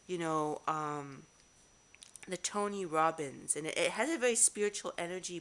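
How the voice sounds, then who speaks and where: A woman giving a casual tarot reading to camera, musing aloud with halting restarts. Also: on the low side, fairly bright tone. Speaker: tarot reader.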